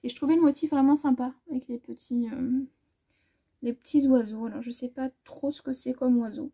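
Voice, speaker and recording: High, soft-edged chatty woman sewing vlogger. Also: fairly even intonation, fairly quick, breathy edge. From France. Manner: chatty, rambling, self-correcting, often trailing off softly. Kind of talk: casual fabric haul chat.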